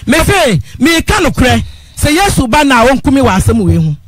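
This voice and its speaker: A woman's voice: high voice, sing-song, normal speed, no echo. A woman calling in to a radio talk show, pleading and insistent as she keeps appealing to the host. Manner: pleading, insistent, repeatedly addresses the host as father. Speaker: radio call-in caller. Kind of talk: impassioned phone-in complaint.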